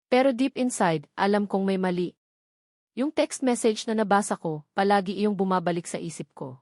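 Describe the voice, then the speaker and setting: Woman narrator, close dry mic, measured emotional read of a first-person love story. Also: medium pitch, a little mellow, no room sound. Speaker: audiobook narrator.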